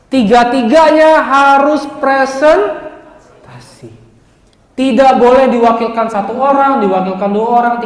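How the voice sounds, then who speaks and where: Male lecturer, lively and joking, high voice, long reverb. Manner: lively, joking, addresses students directly. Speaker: university lecturer. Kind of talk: classroom lecture. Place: classroom. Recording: echoey room with long reverb.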